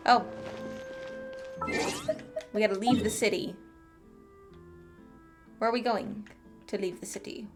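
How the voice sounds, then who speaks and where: A woman streams a story game over its music, chatting casually through the playthrough and playfully talking back to it. Her medium-pitched voice stays steady and slow, with long pauses.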